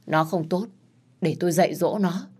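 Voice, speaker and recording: A woman's voice: on the low side, normal speed, darkish tone, husky. A woman doing an indulgent old father-in-law. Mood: placating.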